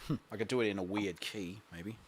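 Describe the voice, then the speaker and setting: A man's voice: lowish voice, fairly quick, slight background noise. A man hosting a music livestream, chatting casually and reading out viewer comments with a laugh. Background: guitar playing.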